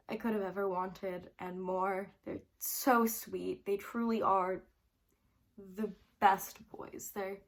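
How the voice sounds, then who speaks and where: Speaking in a mid-range voice, this teen girl vlogs to camera, chatting through a story with a bubbly, meandering energy. She fills her lines with "like" and keeps breaking into giggles.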